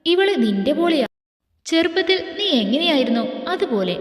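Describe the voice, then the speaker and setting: A woman doing a fond, lively grandmother. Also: sits high, normal speed, pitched above the performer's own voice. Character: warm, hopeful grandmother. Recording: echoey room with long reverb.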